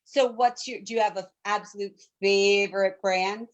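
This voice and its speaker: A woman's voice: mid-range voice, steady tone, moderate pace, highs cut off. A woman co-hosting a casual chat, asking friendly questions. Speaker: co-host.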